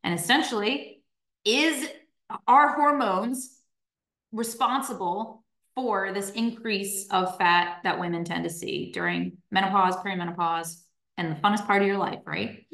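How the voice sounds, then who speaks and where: In an unhurried, medium-pitched voice with a slightly bright tone, a thirty-something strength coach chats upbeat and casually with her online group. Fillers and tag questions such as "right?" come often, and the room gives the recording an echo.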